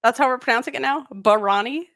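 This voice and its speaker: A woman's voice: a little high, fast, fairly bright tone, no room sound, clean studio sound. A woman co-hosting a podcast in casual chat, emphatic and ranting with lots of energy. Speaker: podcast co-host.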